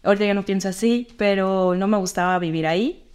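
A woman's voice: mid-range voice, quick pace, darkish tone, smooth. A young woman from Sinaloa, a writer chatting as a podcast guest, candid and self-mocking. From Sinaloa, Mexico. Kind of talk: casual chat.

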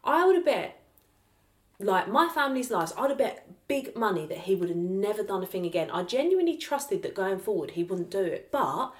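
Lively-voiced woman podcast co-host. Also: medium pitch, moderate pace. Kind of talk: casual chat.

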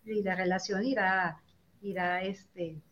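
A woman with a Mexican accent, co-hosting a casual chat, agreeable and quick with short affirmations. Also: medium pitch, steady tone, a bit bright. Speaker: co-host. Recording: dull, lo-fi sound.

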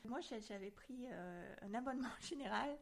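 A native French-speaking woman speaks as a guest in a casual interview. Her voice sits a little high, and she talks in a friendly, chatty way. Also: animated, moderate pace, gravelly, slight background noise.

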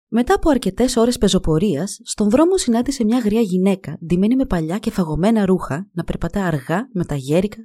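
A woman narrating a folk tale in a calm, measured storytelling voice. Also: fairly low pitch.

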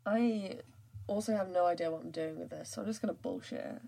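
A woman's voice: lowish voice, brisk, vocal fry, mellow. A woman co-hosting a podcast in casual chat, laid-back and wry. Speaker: podcast co-host.

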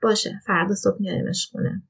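Soft-spoken tired old woman, woman reading. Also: medium pitch, creaky. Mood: gentle. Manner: soft, quiet, calming. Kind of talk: storybook reading.

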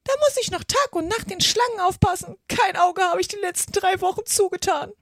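A woman voicing an outraged female pigeon guarding her eggs in a storybook reading, shrill and scolding. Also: brisk, a bit bright, dry recording, clean studio sound. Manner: shrill, scolding, near-sobbing outbursts. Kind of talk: audiobook character reading.

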